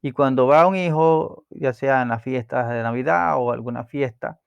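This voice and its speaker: A man calmly explaining a self-help book chapter, pausing with fillers and restarting words as he goes. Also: mid-range voice, vocal fry, clear, resonant tone, dry recording, lo-fi sound. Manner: calm, explanatory, with hesitations and repeated words.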